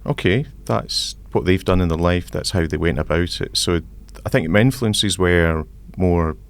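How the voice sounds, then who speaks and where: A man in his forties with a Scottish accent, answering interview questions about his engineering career in a measured, reflective way. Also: low voice, gravelly, clean tone. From Scotland. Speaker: civil engineer guest. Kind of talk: podcast interview.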